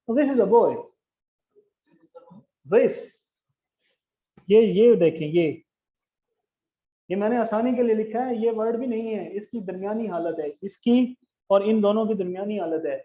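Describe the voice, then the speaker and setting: A man's voice: sits high, lively intonation, a little slow, long pauses. A man teaching English grammar in a classroom lecture, explaining step by step and asking the class questions. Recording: dull lo-fi classroom recording.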